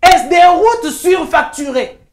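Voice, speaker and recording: A woman journalist from Kinshasa with a Congolese French accent guests on a talk show, insistently arguing her case point by point in a heated debate and slipping into Lingala phrases. Her voice is very high, with lively intonation and a slow pace.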